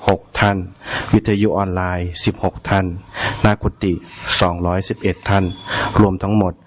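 Deep, flat-voiced man listing numbers. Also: moderate pace. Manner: even, listing numbers one by one. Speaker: moderator reading viewer counts. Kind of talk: announcing figures. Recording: distant, dull voice with faint noise.

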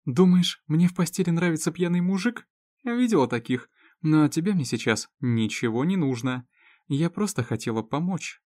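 Man doing a sharp-tongued caring woman. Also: animated, normal speed, dry recording, natural voice. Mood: chiding, caring. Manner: raised higher voice, teasing and scolding.

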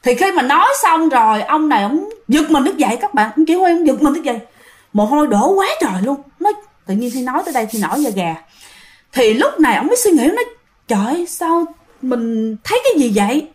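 A woman's voice: high-pitched, very animated, quick pace. A woman with a Southern Vietnamese accent casually telling a ghost story and talking to her listeners. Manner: chatty, addresses listeners directly.

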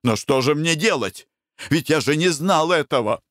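A sobbing, wailing baronet. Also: male voice, on the high side, animated, normal speed, a bit bright, no room sound, clean studio sound, pitched above the performer's own voice. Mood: sobbing despair. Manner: whimpering, sobbing and stammering. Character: weepy desperate middle-aged baronet.

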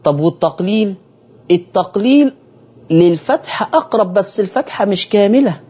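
A man's voice: sits high, animated, moderate pace, darkish tone, husky, dull audio. A man with an Egyptian accent teaching Quran recitation on a broadcast lesson, speaking straight to his listeners and repeating key phrases.

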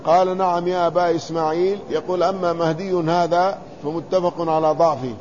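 A man teaching a classical hadith commentary, reading the text aloud and explaining it in a measured, deliberate way, carefully spelling out letters and vowels. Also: fairly high pitch, steady tone, a little mellow, lo-fi sound, slight background noise.

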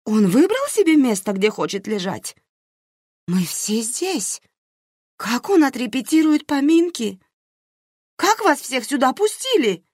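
A woman reader voicing a frail elderly woman in a hospital bed, speaking quietly and with confusion. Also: high-pitched, big pitch swings, a little slow, pauses often, breathy edge, no echo, studio quality, pitched above the performer's own voice, heavily acted. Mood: weak bewildered.

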